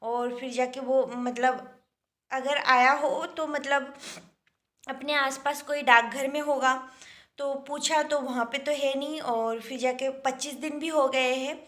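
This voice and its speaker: Young woman, high pitch, casual rambling vlogger talking at home. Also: fairly even intonation, unhurried, fairly bright tone. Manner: chatty, rambling, many fillers. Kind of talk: casual daily vlog.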